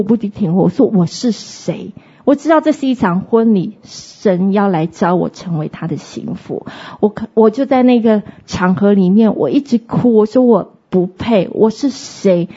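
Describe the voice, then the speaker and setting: A woman minister telling her personal faith testimony in an earnest, halting way, often restarting her sentences. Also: mid-range voice, dark tone, slightly rough, muffled recording.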